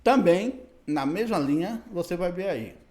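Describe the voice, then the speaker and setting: Man, grammar teacher, fairly high and very animated voice, explanatory. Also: a little slow. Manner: explanatory, repeats "né" and "tá bom" to check understanding; spells out letters one by one. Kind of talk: recorded grammar lesson.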